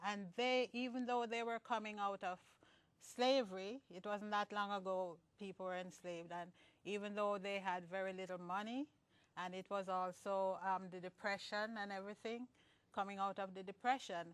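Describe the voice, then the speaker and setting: A woman's voice: medium pitch, fairly even intonation, moderate pace, clear, resonant tone, dry recording. A Jamaican-born woman, a guest in a conversational interview, explaining earnestly with frequent restarts. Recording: distant mic, dry sound.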